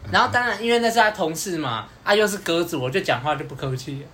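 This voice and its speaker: A man hosting a podcast, telling a story in a casual, animated way, repeating words and acting out what others said. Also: a little high, quick pace, slight background noise. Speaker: podcast host.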